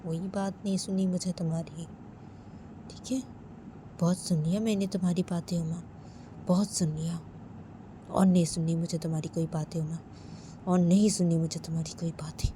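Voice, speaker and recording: A woman's voice: on the low side, steady tone, normal speed, pauses often, mellow, a little hiss or hum, lightly acted. A woman voicing an angry young man who cuts his lover off and keeps repeating himself.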